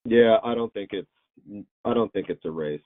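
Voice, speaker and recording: A man joining a sports podcast as a guest reporter, telling stories in an animated way and laughing often, heard over a tinny remote line. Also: on the low side, moderate pace. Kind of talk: casual sports podcast chat.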